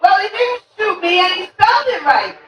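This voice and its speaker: A woman's voice: extremely high pitch, sing-song, moderate pace. An older woman doing a stand-up comedy set, with a brash, punchy delivery and sing-song emphasis. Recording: echoey room from far off, crowd noise.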